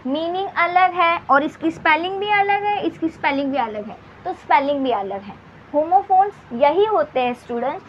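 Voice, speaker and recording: A woman teacher with an Indian accent explaining a grammar lesson to students, repeating points and dictating definitions slowly. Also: very high-pitched, animated, dull audio, a little hiss or hum. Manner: repetitive, addresses students directly, slow dictation of definitions.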